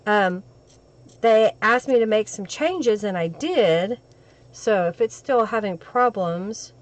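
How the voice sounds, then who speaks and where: She's a woman hosting a crafting live stream, talking to viewers as she works, her medium-pitched voice rough and crackly from a cold.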